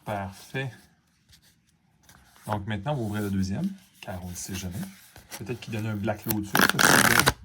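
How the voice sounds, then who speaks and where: Quebec guy chatting over a card opening, lowish voice, kinda rambly, faint hiss behind. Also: normal speed, pauses often. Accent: Quebec French. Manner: rambling, many fillers and asides. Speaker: card-opening video host. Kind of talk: casual unboxing chat to camera.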